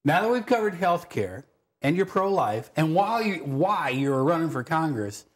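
A middle-aged man hosts a local TV interview show in a studio, chatting in a folksy manner with lively intonation. His voice is slightly high and moves at a moderate pace, recorded on a lapel mic.

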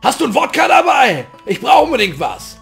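A man's voice: extremely high pitch, wildly swooping pitch, a little fast, gravelly, fairly bright tone, faint music behind, pitched above the performer's own voice, full character voice. A man voicing a groaning, whiny, hungover villager from a video game who craves a drink. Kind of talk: video game character read aloud.

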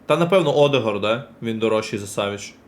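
A man with a fairly low, expressive voice streams a football card game, chatting casually with viewers while he opens packs. He addresses chat directly and reacts quickly in this relaxed live commentary.

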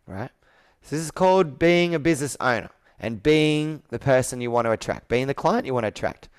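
Here a man in his thirties sounds animated and smooth, his medium-pitched voice moving fairly quickly. He is leading a live sales roleplay coaching session by video call from an indoor room with a whiteboard, pressing his case emphatically and reusing phrasing to persuade.

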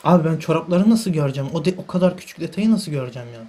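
A man's voice: on the high side, animated, racing, warm tone. A young man commenting live on his own football video game, exasperated, urging his players on and repeating himself as things go wrong. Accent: Turkish. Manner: exasperated, talks to players on screen, swears by God, repeats himself. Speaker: gaming channel host.

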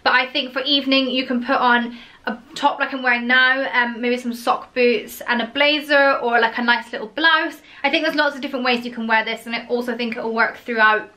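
A young woman talks through a clothing haul in a casual, gushing way, stringing thoughts together with lots of "like". Her voice is bright and a touch higher than average. She sounds like a vlogger chatting at home. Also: steady tone, fairly quick. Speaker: fashion vlogger.

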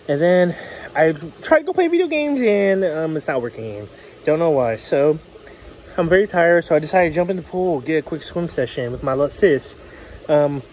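A man's voice: fairly high pitch, a little hiss or hum. A young man talking casually to the camera in a vlog, outdoors by a backyard pool, chatty and jokey. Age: young adult. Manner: chatty, jokey, yells out loud now and then. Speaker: vlogger.

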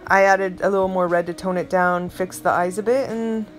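A woman's voice: fairly low pitch, steady tone, normal speed, soft background music. A middle-aged woman giving a casual, rambling voice-over of her art process, chatty and self-admittedly dramatic. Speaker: art vlogger.

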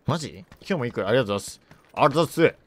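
A woman streams a shooter game and chats casually with viewers, rough and tough-talking, with loud outbursts as she plays. Her delivery is fast and her pitch swings widely. A faint hiss and some clicks sit under the voice. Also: expressive. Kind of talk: casual live-stream chat while playing.

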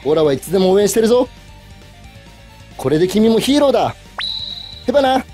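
A man's voice: high voice, big pitch swings, fairly quick, dark tone, faint music behind. A man playing a cheerful hero with a twang. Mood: encouraging. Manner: bold heroic cheer, talking to small children. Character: cheerful male superhero, kind and encouraging.

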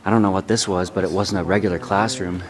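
A man's voice: sits low, quick pace, a crowd in the background. A man exploring an abandoned church and school, talking casually and exclaiming at what he finds. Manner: excited, exclaiming. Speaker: urban explorer. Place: large abandoned brick church and school, indoors.

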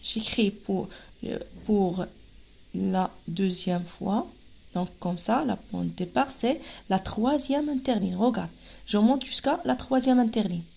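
A woman teaching young children to write and read, sounding out letters and syllables one by one in a slow, patient way. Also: mid-range voice, vocal fry, dark tone, breathy edge. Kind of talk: slow, carefully spaced reading lesson for young children.

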